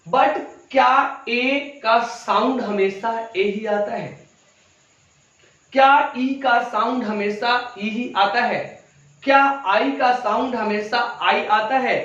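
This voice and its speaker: A man's voice: high voice, takes it slowly, a bit bright. A male English teacher giving a classroom grammar lesson, asking rhetorical questions and answering them himself, and calling his listeners children. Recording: echoey room, distant dull mic.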